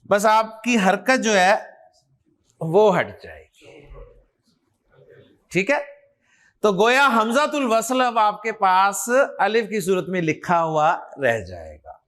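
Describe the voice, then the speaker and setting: A man's voice: high voice, very animated, slow pace, long pauses, fairly bright tone. A male Quran grammar teacher with an Urdu accent, giving a classroom lecture and quizzing his students back and forth. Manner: quizzing, call-and-response, coaxing students.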